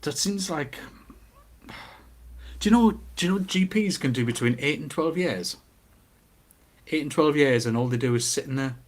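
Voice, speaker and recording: A middle-aged man with a Newcastle Geordie accent, chatting casually and giving his opinions in an animated way, with rhetorical questions. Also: on the high side, normal speed, long pauses. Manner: animated storytelling with acted-out quotes and rhetorical questions.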